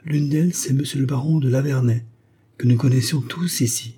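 A man reading an audiobook voices a simple village woman excitedly telling the news of an accident, his voice pitched well above his own. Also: normal speed, husky, natural voice. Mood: eager telling.

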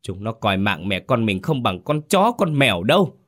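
Man doing a distraught older peasant mother, raised pitch above a deep voice, wailing, storybook ghost tale. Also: sing-song, moderate pace, a bit bright. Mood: furious scolding. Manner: wailing, shrill scolding. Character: grieving poor peasant mother, older woman.

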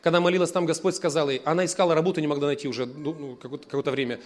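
Man, pastor, sermon, rapid delivery, slightly high voice, lively storytelling with loud and hushed turns. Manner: lively storytelling, shifts between loud emphasis and quiet asides.

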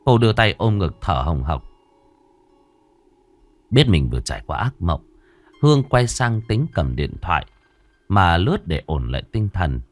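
A man narrating a horror story, dramatic and expressive. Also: low voice, unhurried, pauses often, no room sound.

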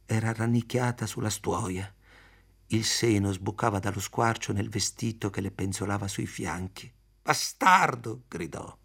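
Man reading a novel aloud, measured. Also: on the low side, creaky, slightly rough. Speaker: audiobook reader. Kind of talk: literary audiobook narration.

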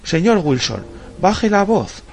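A man's voice: high-pitched, sing-song, takes it slowly, creaky, a little mellow, a little hiss or hum, pitched above the performer's own voice, exaggerated voice. A male audiobook reader voicing a stern airline pilot who gives firm warnings and orders.

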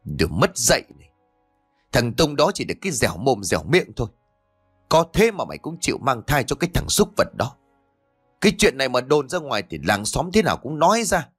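Male reader as a stern old father in a storybook, furious, fast bursts of scolding. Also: mid-range voice, sing-song, slightly rough, soft background music, voice pushed up. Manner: shouting, scolding harshly.

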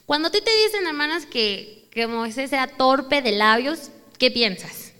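A woman with a Mexican accent preaching a sermon, acting out prayers and questions in a raised, animated voice. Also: high voice, unhurried, clean tone. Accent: Mexican Spanish. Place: church hall. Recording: hall reverb.

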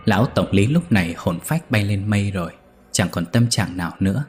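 A man reading a ghost story aloud in a steady, measured way. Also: on the low side, slight background noise.

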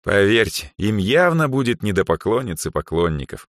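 A man's voice: lowish voice, big pitch swings, moderate pace, no room sound, clean studio sound, pitched above the performer's own voice. A man doing a genial, polite older organizer. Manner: courteous, smooth, good-natured.

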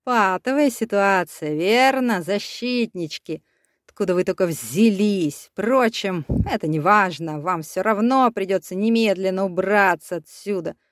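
A sneering, menacing German baron, put on by a woman narrator in a storybook reading. The voice sits at an ordinary pitch with a dry, close sound. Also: measured pace, no echo, close to an everyday voice. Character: cruel scheming German baron, adult man.

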